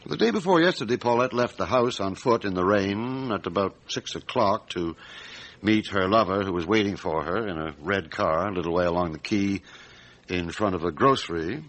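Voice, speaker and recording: Inspector Maigret, deep-voiced methodical detective. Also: male voice, a bit bright, poor audio. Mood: deliberate reporting. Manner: measured, deliberate, matter-of-fact. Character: calm, methodical male French police chief inspector, middle-aged. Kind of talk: radio drama acting.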